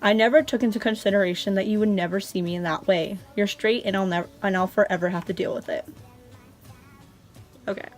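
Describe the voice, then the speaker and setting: A woman's voice: medium pitch, steady tone, fast talker, hardly any pauses, soft background music. Young woman reading a love letter aloud. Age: young adult. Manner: reading written lines aloud. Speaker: vlogger reading own letters.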